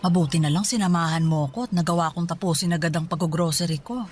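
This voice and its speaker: A woman's voice: lowish voice, fairly even intonation, quick pace, darkish tone, faint music behind, close to an everyday voice. An actress playing a caring middle-aged mother chatting with her grown son in a radio drama. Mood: motherly.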